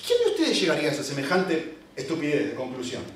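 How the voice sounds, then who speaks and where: A man's voice: a little high, quick pace, a little hiss or hum. A man preaching a sermon with emphatic repeated refusals, sounding like a preacher speaking to a congregation. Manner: animated, emphatic repetitions of "no". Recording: echoey hall, distant mic, faint ambience.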